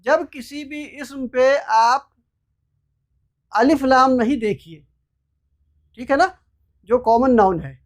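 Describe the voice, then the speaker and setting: A man with a high voice teaches a grammar lesson over a video call. He speaks slowly and patiently. He says each letter and word more than once so his students can follow. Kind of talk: online class lecture.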